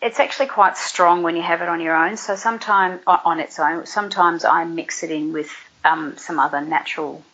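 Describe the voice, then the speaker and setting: A middle-aged woman with a husky, slightly low voice talks through nutrition advice in a casual, practical way. She leans on everyday examples from her own kitchen. The recording sounds dull and lo-fi. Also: fairly even intonation, fairly quick, few pauses, fairly bright tone. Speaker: nutrition guest expert. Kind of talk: casual explanatory chat. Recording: dull lo-fi audio.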